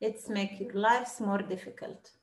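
A woman teaching a class, explaining patiently and repeating words slowly. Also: mid-range voice, steady tone, reverberant. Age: 30s. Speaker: Arabic teacher.

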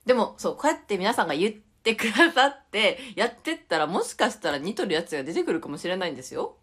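A woman's voice: medium pitch, sing-song, fast talker, a bit bright, husky. A young woman with a Tokushima dialect, chatting casually on a live stream and reading viewer comments aloud with frequent giggles. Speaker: idol livestreamer.

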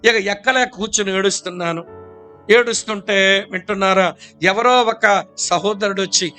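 A man's voice: high voice, normal speed, pushed and bright, faint music behind. A man preaching a sermon to his congregation, asking them rhetorical questions and acting out the voices in a story. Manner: acts out dialogue in a story. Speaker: pastor.

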